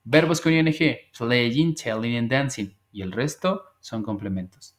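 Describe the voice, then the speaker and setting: Patient man teaching English online. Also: mid-range voice. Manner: patient, drills pronunciation slowly and repeats words. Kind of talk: online class lesson.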